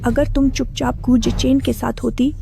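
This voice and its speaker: A woman's voice: high-pitched, steady tone, normal speed, creaky. A woman dubbing a greedy, selfish old grandmother who gambles, in a whiny, pleading way. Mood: scolding. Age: older. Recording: dubbed dialogue over loud music.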